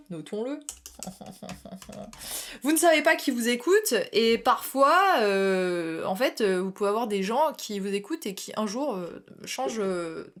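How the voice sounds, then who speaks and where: A young woman doing a casual tarot reading, talking chattily, laughing often and dropping English slang. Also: mid-range voice. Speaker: tarot reader.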